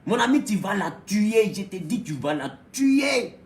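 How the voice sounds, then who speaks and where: Emphatic shouting pastor. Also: male voice, high voice, very animated, measured pace, reverberant. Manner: emphatic preaching, often shouting, with playful asides. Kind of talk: sermon.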